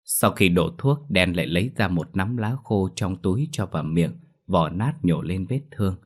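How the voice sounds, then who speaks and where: A man narrating a ghost story in a steady, even reading voice. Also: deep voice, moderate pace.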